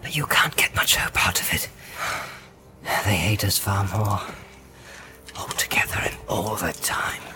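A man's voice: fairly low pitch, a little slow, lightly acted. A man whispering as Frodo the wary hobbit. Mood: hushed. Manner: hushed whispering. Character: cautious male hobbit, grave and wary.

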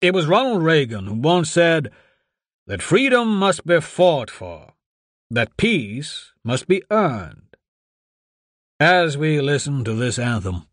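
A booming male senator at a rally podium, orating slowly and grandly with a raised, lifted voice, as a male narrator puts him on. The sound is close and dry, with no room around it. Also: dry recording. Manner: slow, raised oratorical delivery.

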